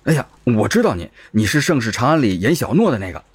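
A gruff middle-aged foreman, played by a man in an audiobook. He talks fast and bosses people around. His voice sits at an ordinary male pitch. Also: very animated. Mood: friendly. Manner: brisk, bossy barking.

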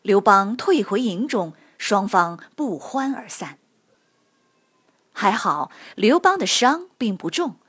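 A woman narrating history stories for children in a lively, expressive storytelling manner. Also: mid-range voice, slightly rough.

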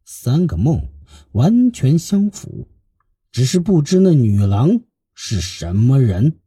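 A man narrating a classical tale in a lively, expressive reading as the storyteller of his channel. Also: mid-range voice, slow pace, husky, no echo, clean studio sound.

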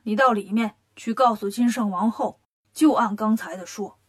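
A woman voicing a boastful male demon king in a children's storybook tale, with low gloating chuckles. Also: moderate pace, natural voice.

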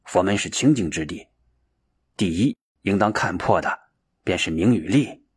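A male storyteller with a low, husky voice narrates in a steady, descriptive way. His delivery stays even and deliberate throughout this storybook telling.

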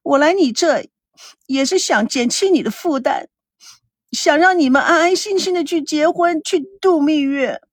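A woman voicing a coy young female assistant who pleads softly. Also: sits high, normal speed, no echo, studio quality, voice pushed up, lightly acted.

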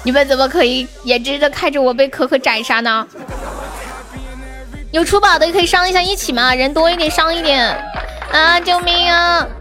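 A woman's voice: sits high, moderate pace. A young woman, live streaming in a playful, cutesy way with melodramatic pleas. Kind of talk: casual livestream chat. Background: background music.

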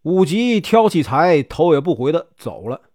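A man's voice: a little high, sing-song, a little mellow, dry recording, clean studio sound. A male storyteller with a Northeastern Mandarin accent, telling a classic tale in a chatty, folksy way. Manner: chatty, many drawn-out filler particles.

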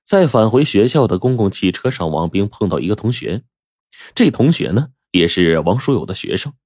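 A man telling a dramatic family story in an animated, expressive way. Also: fairly low pitch, moderate pace, slightly rough, no echo, clean studio sound.

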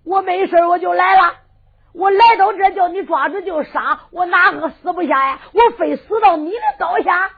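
A woman with a Henan accent voicing a boastful, defiant young male hero, speaking more quietly and mockingly. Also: very high-pitched, moderate pace, pitched above the performer's own voice. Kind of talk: sung storytelling with dialogue. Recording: tinny lo-fi recording with faint fiddle music.

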